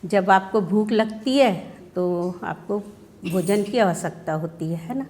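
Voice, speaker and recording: A woman's voice: mid-range voice, lively intonation, unhurried, a little mellow. A woman schoolteacher at a workshop, explaining how she teaches children, asking questions and acting out their answers. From India. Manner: explains with questions, often adds "है ना?". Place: workshop session.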